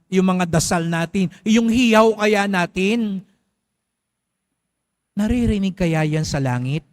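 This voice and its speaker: Filipino priest chatting thru his homily, kinda high voice, dry close sound. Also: a little mellow, dry recording. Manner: conversational, asks the congregation questions. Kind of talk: homily with storytelling. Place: church.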